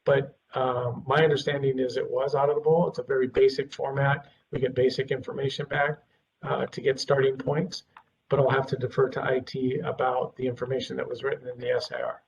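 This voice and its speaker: A man's voice: mid-range voice, level tone, a little fast, creaky. A man answering questions for a city department in a hesitant, apologetic way. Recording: dull audio, slightly distant mic, faint background hum.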